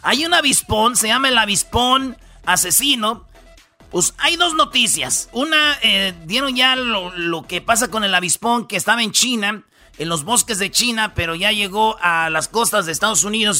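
A man's voice: sits high, animated, moderate pace, bright, forceful tone, soft background music. A man with a Mexican accent hosting a radio comedy show, telling news stories in casual slangy banter full of fillers. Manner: slangy, storytelling, lots of fillers.

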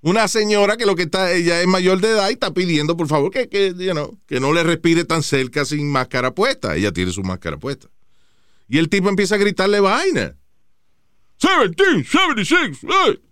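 Male co-host, lively, profane, switches between Spanish and English mid-sentence; clear, dry close-mic sound. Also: high voice, brisk, no echo. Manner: animated, mixes Spanish and English, swears freely. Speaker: co-host of a talk show. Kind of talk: casual bilingual chat.

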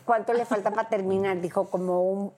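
A woman's voice: mid-range voice, fairly quick. Brash Mexican woman telling stories. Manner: brash, animated, acts out dialogue. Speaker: panel guest. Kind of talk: casual panel chat, storytelling.

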